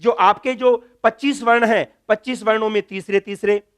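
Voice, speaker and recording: A man's voice: high voice, steady tone, normal speed, fairly bright tone, clean tone. A man teaching Sanskrit grammar in a classroom lecture, drilling letters one by one and answering his own questions.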